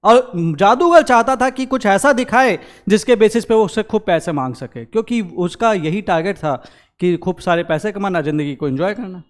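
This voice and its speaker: A man's voice: high-pitched, moderate pace. A young man giving a motivational talk to exam students, mixing into his speech and acting out the voices in a story. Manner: animated, acts out quoted characters. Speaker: exam-prep educator.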